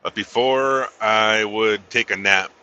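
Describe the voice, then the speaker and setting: A truck driver in his thirties chats casually to a live stream from inside his cab as he drives down the road, laid-back and drawling and saying "man" a lot. His voice is on the low side, steady and slow, with a sharp, clear and resonant tone, though the recording is muffled.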